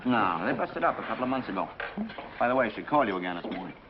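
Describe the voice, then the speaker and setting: A man's voice: fairly low pitch, sing-song, racing. An actor playing a wry, wisecracking male garage coworker in a 1950s film. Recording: muffled noisy old film soundtrack.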